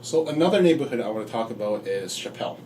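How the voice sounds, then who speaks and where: A man being interviewed as a home builder, talking in a relaxed, halting way with fillers. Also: medium pitch, recorded from a distance, a little hiss or hum, low-quality recording. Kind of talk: casual interview.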